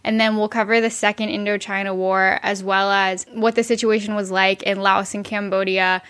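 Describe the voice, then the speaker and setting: A woman's voice: mid-range voice, level tone, moderate pace, a bit bright. A woman co-hosting a podcast, explaining history in an informal, explanatory way. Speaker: podcast co-host.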